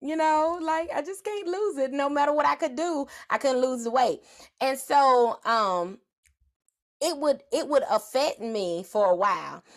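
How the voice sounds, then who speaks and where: A woman with a Southern US accent hosting a live stream, giving a loud, folksy, conversational motivational talk. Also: high-pitched, a little slow. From Southern United States.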